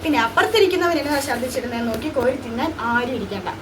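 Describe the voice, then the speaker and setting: A woman's voice: high-pitched, animated, very fast. A woman playing a strict, scolding female schoolteacher. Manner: scolding, commanding. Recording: distant mic with noisy room.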